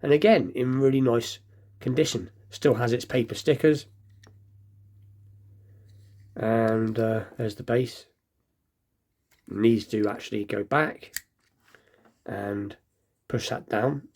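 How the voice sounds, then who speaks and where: Speaking slowly with frequent pauses, a man with a darkish, mid-range voice hosts a casual diecast toy show-and-tell. He rambles in an understated way and lisps slightly, as though he has just bitten his tongue.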